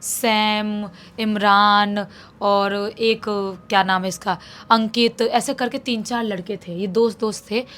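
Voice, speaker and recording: A woman's voice: medium pitch, takes it slowly. Woman casually telling a horror story. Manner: conversational, relaxed retelling with acted quotes.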